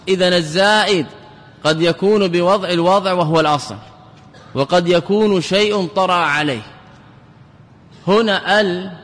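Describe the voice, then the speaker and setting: Sheikh lecturing in a reverberant hall. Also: male voice, on the high side, fairly bright tone. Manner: asks rhetorical questions and answers them himself; repeats key words slowly for emphasis. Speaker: sheikh teaching grammar. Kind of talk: classical Arabic grammar lecture. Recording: long reverb of a large hall.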